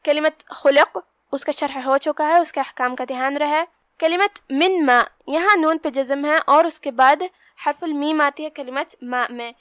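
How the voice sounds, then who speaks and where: High-voiced woman teaching Quran recitation. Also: fairly bright tone, no echo, clean studio sound. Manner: slow measured recitation between plain explanations. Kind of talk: tajweed lesson.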